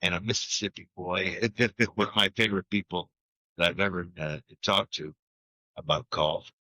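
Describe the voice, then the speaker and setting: A man's voice: deep voice, steady tone, moderate pace, pushed and bright, no echo, low-quality recording. A man co-hosting a golf podcast, telling rambling stories in casual chat with frequent restarts. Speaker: podcast co-host.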